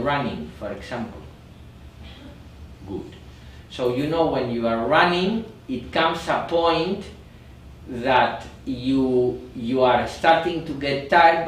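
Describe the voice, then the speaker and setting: Slow-speaking male meditation teacher in an echoey room. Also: medium pitch, slight background noise. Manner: slow, repetitive, searching for words. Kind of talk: guided meditation instruction. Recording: echoey room, mic far off.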